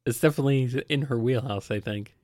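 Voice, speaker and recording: A man's voice: medium pitch, quick pace, darkish tone, no room sound, clean studio sound. A laid-back man in casual podcast chat who laughs often as a co-host.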